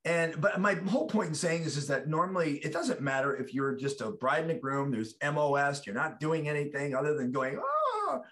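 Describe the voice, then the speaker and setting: A man's voice: fairly high pitch, brisk, few pauses, a bit bright. A middle-aged American actor chatting about his career, rambling with restarts and acting out the quotes in his stories. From United States. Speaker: actor, guest. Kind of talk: casual chat.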